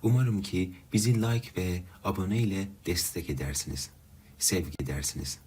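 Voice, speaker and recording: A man narrating a sorrowful first-person story, reading in a slow, uneven way. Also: sits low, animated, a little mellow, slight background noise.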